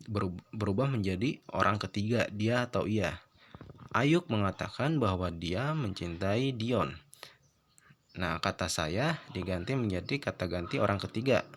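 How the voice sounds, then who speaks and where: A male teacher giving a recorded lesson, explaining step by step and often checking in with a quick "ya". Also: lowish voice, a bit bright, slight background noise.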